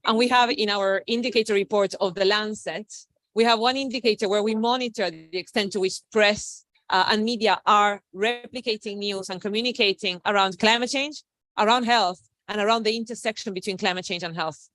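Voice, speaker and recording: A woman's voice: mid-range voice, fairly quick, fairly bright tone, no room sound, low-quality recording. A woman researcher speaking on a panel, fluent and emphatic, using rhetorical questions. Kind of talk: panel discussion remarks.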